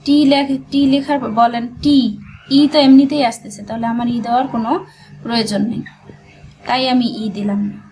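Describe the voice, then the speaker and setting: A woman's voice: on the high side, fairly even intonation, a little fast, a little mellow, soft background music, low-quality recording. A woman teaching a shorthand class, breaking words into syllables and repeating them patiently. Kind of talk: slow step-by-step dictation lesson.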